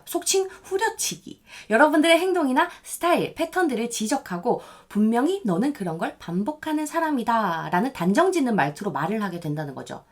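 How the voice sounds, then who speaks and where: A woman giving relationship advice straight to her viewers, explaining patterns step by step and moving between polite and casual speech. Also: a little high. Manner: acts out short quoted remarks in dialogue. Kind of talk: direct-to-camera advice talk.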